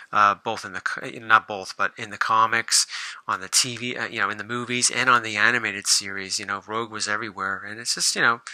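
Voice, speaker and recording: A comic book collector who hosts his own channel rambles through a casual show-and-tell video about his comics, full of fillers and restarts. His voice is fairly low and sharp, and the audio is poor, with no room sound.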